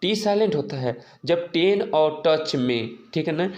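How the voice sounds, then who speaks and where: A man's voice: on the high side, lively intonation, unhurried. A man giving a casual, patient lesson to his students, repeating his tag questions often and writing as he explains. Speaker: teacher. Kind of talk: casual classroom-style lesson. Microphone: recording while writing on a board or page.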